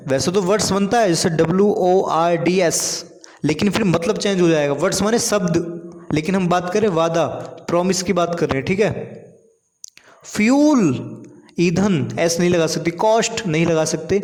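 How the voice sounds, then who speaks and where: A man's voice: sits high, moderate pace, a little mellow. A man teaching an English grammar lesson, saying each word twice and explaining it simply, with frequent checks like "okay". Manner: repeats each word, explains in simple terms, says "ठीक है" often. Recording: echoey room with long reverb.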